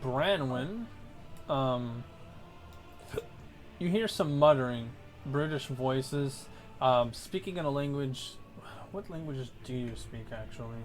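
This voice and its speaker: A man's voice: mid-range voice, animated, slow, pauses often, faint music behind. A man acting as game master, narrating scenes and putting questions to players in a tabletop role-playing game.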